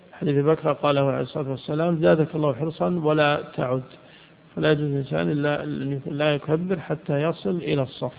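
In a creaky, fairly high voice, a male Islamic scholar walks through a legal text in a jurisprudence lesson, raising questions and then supplying the answers. The audio sounds thin and lo-fi, as if captured on a phone.

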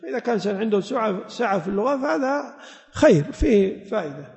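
High-voiced man teaching in an echoey hall. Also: animated, fast talker, gravelly, darkish tone. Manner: explains step by step, quizzes listeners with short questions. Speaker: religious teacher. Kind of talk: Quran exegesis lesson. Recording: echoey hall, dull lo-fi sound.

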